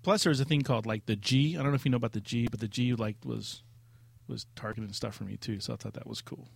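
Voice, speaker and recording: A man's voice: mid-range voice, fairly even intonation, fast talker, vocal fry, a little hiss or hum. A man chatting casually and informally as a co-host of a gaming show. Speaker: podcast co-host. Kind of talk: casual chat.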